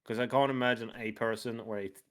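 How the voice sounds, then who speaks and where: A man chatting casually in a halting way, often repeating himself. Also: mid-range voice, fairly even intonation, a bit bright. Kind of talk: casual chat.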